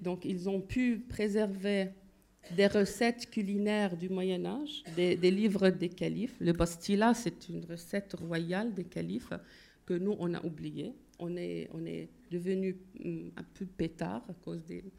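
Gravelly-voiced woman lecturing on linguistics. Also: mid-range voice, mellow. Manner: explanatory, thinks aloud while searching for terms.

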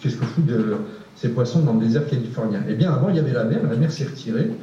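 A man's voice: mid-range voice, lively intonation, fast, dark tone, a little hiss or hum. A male researcher answering a question in a panel discussion, hesitant, with many fillers and repeated words. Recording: distant, echoey, dull room recording.

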